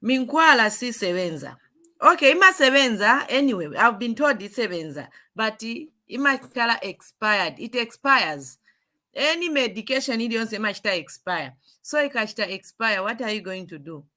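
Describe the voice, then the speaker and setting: Show host, woman, bright tense voice, talks straight to viewers. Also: a little high, expressive, moderate pace. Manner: addresses viewers directly, mixing in local words. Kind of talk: hosting a call-in discussion.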